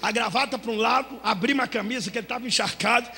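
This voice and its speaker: A man preaching as a Pentecostal pastor, shouting and acting out the voices in his story, breaking into tongues. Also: very high-pitched, fast talker, gravelly, slightly rough. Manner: shouting, dramatic, acts out dialogue, speaks in tongues. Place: church hall. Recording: church hall with long reverb.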